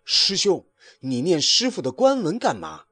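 A man voicing an earnest, hot-tempered male monk who talks loudly and indignantly. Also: on the high side, big pitch swings, measured pace, creaky, no room sound, voice pushed up, full character voice. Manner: loud and indignant.

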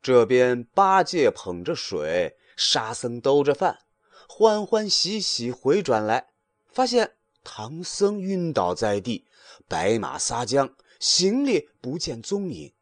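Slow, very expressive male storyteller. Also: medium pitch, dry recording. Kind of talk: storybook narration.

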